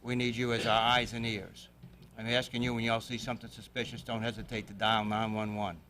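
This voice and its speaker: A man, a police chief giving an earnest, deliberate public address in a city council chamber. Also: on the low side, little pitch movement, sharp tone. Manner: earnest, deliberate, plain-spoken.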